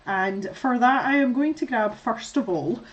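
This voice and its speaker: A woman's voice: a little high, a little slow, dull audio. A middle-aged woman with a Scottish accent chatting casually to viewers while she colours, rambling and laughing often. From Scotland. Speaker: art streamer.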